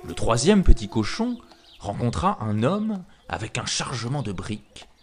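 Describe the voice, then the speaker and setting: A man reading a children's fairy tale aloud, slow and expressive. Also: mid-range voice, background noise. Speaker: storyteller.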